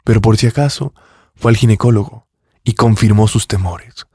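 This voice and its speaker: Low, mellow male storyteller. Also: normal speed, husky, no room sound, studio quality. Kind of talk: scripted story narration.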